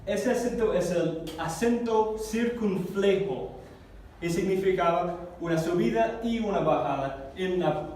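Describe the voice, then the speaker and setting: A man teaching a Greek class, explaining slowly and carefully, repeating words and correcting himself as he goes. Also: high-pitched, darkish tone, a little hiss or hum. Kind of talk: classroom lesson. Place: church classroom. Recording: echoey room recorded from a distance.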